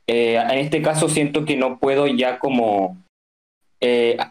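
A man on a podcast reviewing an indie game. He talks casually and pauses often with fillers, giving measured criticism. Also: medium pitch. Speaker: podcast co-host reviewing games.

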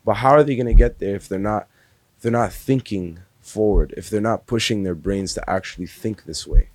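A man's voice: fairly low pitch, a little fast, no room sound. A man in his early twenties, a podcast guest talking casually and earnestly, full of "like" and "bro". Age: 20s. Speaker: podcast guest, music industry worker.

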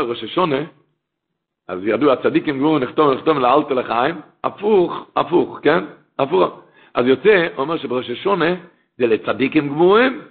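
A man's voice: a little high, breathy edge. A man delivering an impassioned sermon, exhorting his listeners and quoting sources in a chanting lilt. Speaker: rabbi giving a Torah talk. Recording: tinny phone-like sound.

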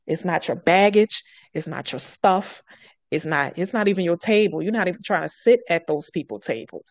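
A woman's voice: lowish voice, expressive, moderate pace, dry recording. A woman on a podcast talking earnestly, repeating her points for emphasis. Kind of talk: casual podcast conversation.

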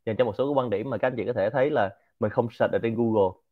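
A man from central Vietnam with a Quảng Nam accent, giving an informal business lecture in an animated, rhetorical way and often asking the audience to agree. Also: medium pitch, quick pace, phone-quality sound. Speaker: lecturer and host of a Q&A show.

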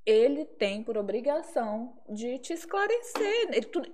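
A woman, chatting on a podcast about beauty work. Her voice sits a bit high, and she talks emphatically, dropping low to make a point. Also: big pitch swings, normal speed, a little mellow. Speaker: podcast co-host, beauty professional. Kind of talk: casual podcast chat.

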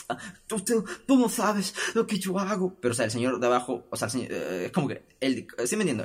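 A man's voice: mid-range voice, husky. A young man with a Peruvian accent hosting a casual solo podcast, rambling with stammering restarts and acting out the voices in his stories. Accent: Peruvian Spanish. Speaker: podcast host.

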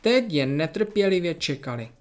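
A storyteller narrating a children's story in a lively, expressive way. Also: medium pitch, faint music behind.

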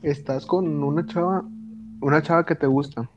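A young man on a dull, lo-fi call, his voice sitting a bit high, as he spins hypothetical scenes and acts out the lines. Guitar music plays clearly behind him. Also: fairly even intonation, normal speed. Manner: spins imagined scenarios, acting out quotes. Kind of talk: casual chat among friends on a call. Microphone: video call.

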